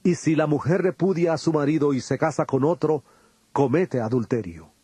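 An actor playing Jesus as a grave, patient teacher in a dramatized audio Bible, speaking in a solemn, measured way. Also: male voice, fairly high pitch, dark tone, slightly rough, no room sound. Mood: solemn teaching. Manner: solemn, deliberate, measured delivery.

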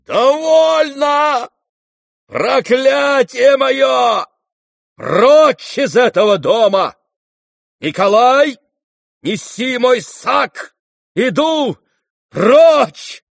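A sputtering old general bellows in a strained, very high voice. The recording is close and dry. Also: male voice, lively intonation, extremely slow, vocal fry, long pauses, no room sound, heavily acted. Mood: raging. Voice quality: shouting, sputtering. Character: old retired general, raging and blustering. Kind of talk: audiobook character voice.

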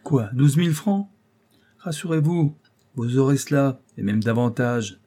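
Reader doing sly older broker, paternal and manipulative, mellow husky tone, raised lively delivery. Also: male voice, mid-range voice, unhurried, pitched above the performer's own voice, natural voice. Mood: reassuring. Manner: coaxing, ironic, lecturing. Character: crafty aging male job broker, paternal and scheming. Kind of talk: audiobook character voice.

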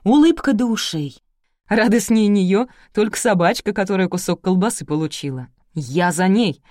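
In a dry, studio-quality audiobook recording, a woman voices a bossy middle-aged uncle, commanding and folksy, in a storytelling mood. Her mid-range voice has lively intonation, a moderate pace and a darkish tone, close to an everyday voice.

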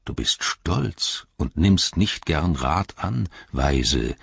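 A man's voice: very deep voice, expressive, very slow, vocal fry, breathy edge, no echo, dull audio, full character voice. An older-sounding man voicing a scheming old male wizard, honeyed one moment and sneering the next. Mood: condescending. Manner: honeyed, then sneering and venomous.

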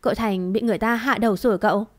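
A woman's voice: medium pitch, fast talker, natural voice. A woman voicing a cold, unruffled older maid. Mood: composed. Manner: flat, unruffled. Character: cold, composed older maidservant.

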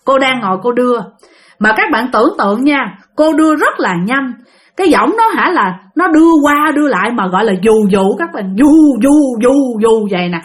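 A woman with a Southern Vietnamese accent tells a spooky story, speaking straight to her listeners. Her voice sits a little high, and she slips into the voices of the people she describes. The delivery is lively and chatty. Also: fairly quick. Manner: lively, addresses listeners directly, acts out voices. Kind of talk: spoken ghost story narration.

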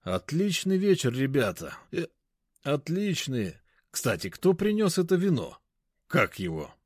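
A man's voice: fairly high pitch, wildly swooping pitch, no echo, clean studio sound, pitched above the performer's own voice, heavily acted. A man putting on a tipsy, gushing young guy. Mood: fake-drunk cheerful. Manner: slurred, drawn-out.

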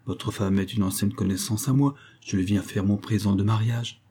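A man's voice: fairly low pitch, normal speed, dark tone, slightly rough. A man reading the part of a bold young cavalier lover, gallant and theatrical, in an audiobook.

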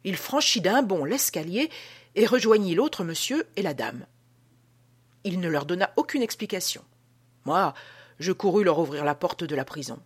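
A woman reading an audiobook as an old male prison guard telling an uncanny tale, with a dramatic, hushed delivery. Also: fairly low pitch, lively intonation, moderate pace, breathy edge. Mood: spooked. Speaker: audiobook reader.

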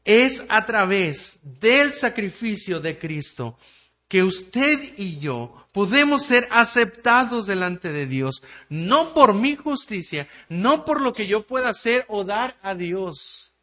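A man with a somewhat high voice delivers a sermon as a pastor. He preaches earnestly and reads scripture aloud, turning to speak directly to his listeners. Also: sing-song, takes it slowly, sharp tone.

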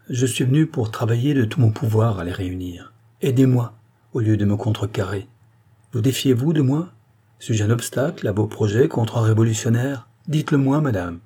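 A man voicing a calm, shrewd minister in his fifties in an audiobook, speaking in a measured, persuasive way. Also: mid-range voice, slightly rough, lightly acted. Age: 50s.

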